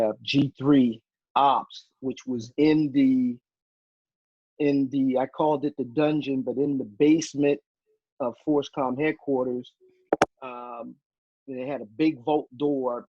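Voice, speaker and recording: Halting retired army man, muffled sound. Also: medium pitch, fairly even intonation, no echo. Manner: halting, many fillers and restarts. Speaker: guest, retired army officer. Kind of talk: casual interview storytelling.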